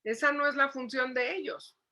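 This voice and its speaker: A woman psychologist giving a lively lecture to parents, asking the audience questions and acting out shouting. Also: high-pitched, moderate pace. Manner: animated, asks the audience questions, acts out shouting.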